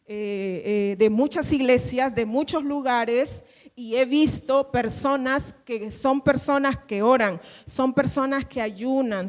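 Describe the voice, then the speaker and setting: High-voiced woman pastor preaching in a reverberant hall. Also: darkish tone. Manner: emphatic, repeats phrases and asks the congregation to say them back. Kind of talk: sermon. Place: church.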